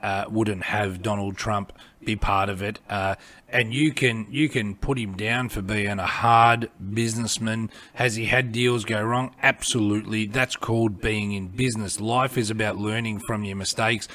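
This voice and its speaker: A man's voice: lowish voice, fairly even intonation, moderate pace, bright, forceful tone. A man co-hosting a podcast, giving blunt, emphatic opinions and repeating his points. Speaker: podcast co-host.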